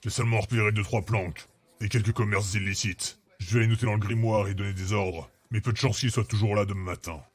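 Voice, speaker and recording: A man voicing a gruff, terse, beast-like hunter in a fantasy audio story, curt and stern. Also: fairly low pitch, steady tone, quick pace, pitched below the performer's own voice, lightly acted. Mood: weary, matter-of-fact.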